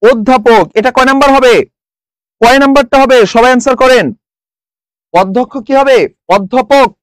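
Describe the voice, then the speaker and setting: A man's voice: extremely high pitch, normal speed, no echo. A young man from Bangladesh teaching a live exam-prep class online, quizzing students and repeating the answers. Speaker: online tutor.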